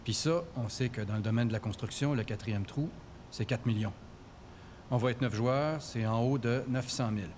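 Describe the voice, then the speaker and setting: A man with a Québécois accent, his voice electronically disguised and pushed deep so he can't be recognized. He answers interview questions bluntly and plainly, sitting at a middle pitch before the filter, with a faint rumble of noise behind him. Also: normal speed, darkish tone. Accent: Québécois French. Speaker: anonymous contractor, interviewee.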